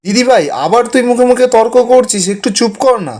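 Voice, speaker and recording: A man's voice: very high-pitched, fairly quick, darkish tone, pitched above the performer's own voice. A man reading the lines of a scheming, two-faced younger sister in a whining, falsely sweet tone.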